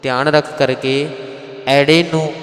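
Slow-chanting man teaching scripture recitation. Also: fairly high pitch, little pitch movement, fairly bright tone, reverberant, big-room sound. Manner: slow, drawn-out chanting alternating with quick spoken explanations. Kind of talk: scripture pronunciation lesson with chanted verses.

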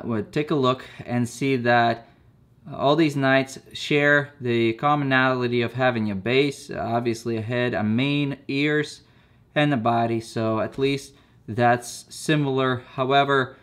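Sitting at a table indoors, a man with a mid-range voice casually reviews a chess set. He talks slowly, using many fillers and repeating words.

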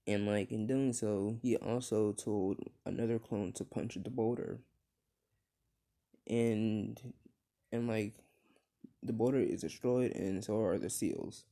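A young man improvising a fan-fiction story out loud, rambling with many fillers and restarts. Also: fairly low pitch, fairly even intonation, slow pace, long pauses.

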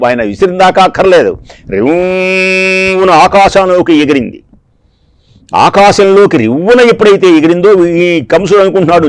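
A man's voice: fairly high pitch, no echo. A man giving a devotional discourse, telling a scripture story dramatically and repeating phrases for emphasis. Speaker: discourse speaker.

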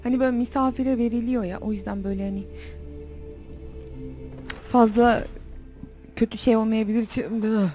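Over faint background music, a young woman with a fairly high, mellow and steady voice talks a little fast, with long pauses, while playing a horror game. It's let's play commentary captured on a desk mic with facecam. She talks to herself, jumps at things and shrieks when frightened.

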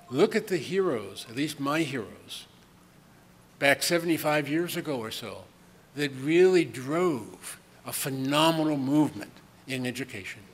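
An older man giving a conversational conference keynote from a podium in a large hall, with chuckling asides and frequent ums. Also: medium pitch. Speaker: keynote speaker. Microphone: podium microphone. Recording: long hall reverb, faint room noise.

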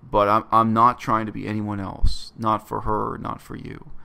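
A man's voice: fairly low pitch, level tone, normal speed, vocal fry, sharp tone, smooth. A man, talking earnestly and bluntly to his webcam in a small bedroom. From Canada. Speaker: vlogger. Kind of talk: reflective personal monologue to camera.

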